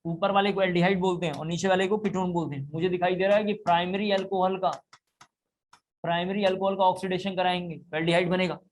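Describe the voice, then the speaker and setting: A man's voice: high-pitched, fairly even intonation, quick pace, slight background noise. A man teaching a chemistry class, explaining step by step and repeating key points. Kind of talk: classroom lecture.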